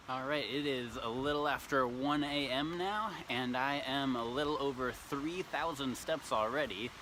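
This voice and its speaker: A young man filming himself on a selfie stick as he walks city streets, chatting cheerfully and slurring slightly from the cold. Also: medium pitch. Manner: upbeat, chatty, laughs at himself. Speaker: vlogger. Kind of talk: casual self-filmed vlog narration. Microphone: phone on a selfie stick. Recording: faint outdoor street noise.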